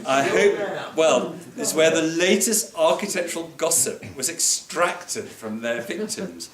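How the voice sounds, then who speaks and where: A man tells affectionate, wry stories at a memorial gathering, his pitch rising and falling in lively swings. He laughs through his anecdotes and wanders off on asides. The voice carries around an echoey room over a clear hum of background noise. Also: unhurried, a loud crowd. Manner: wry, laughing, digressive storytelling. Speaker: speaker at a memorial reception. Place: museum reception room.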